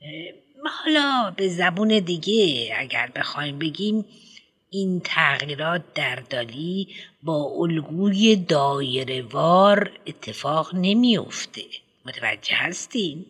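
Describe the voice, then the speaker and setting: A man's voice: on the high side, animated, fairly bright tone, slightly rough. A man putting on a fussy lecturing headmistress. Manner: hesitant, full of drawn-out ums, lecturing. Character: fussy middle-aged woman school head. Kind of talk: audiobook reading.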